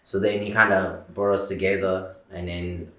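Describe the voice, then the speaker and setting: A young Zimbabwean rapper talks as a guest in a casual interview on a living-room studio set with couches, laid-back and full of "like" fillers. His deep voice is flat and sharp-toned at normal speed, with a reverberant sound.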